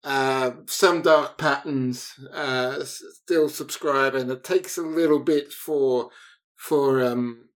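A man narrating a tabletop game as game master, halting and thinking aloud. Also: mid-range voice, steady tone.

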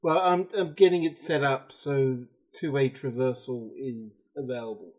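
A man playing a tabletop role-play game, describing his character's actions with many pauses and fillers. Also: mid-range voice, a little mellow, low-quality recording. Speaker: player.

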